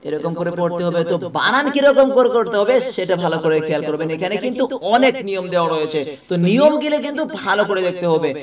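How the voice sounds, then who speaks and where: A man teaching Quran reading, spelling out words letter by letter, asking questions and answering them himself, and slowly chanting the verses. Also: high voice, very animated, reverberant, recorded from a distance. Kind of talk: spelling out a recitation lesson.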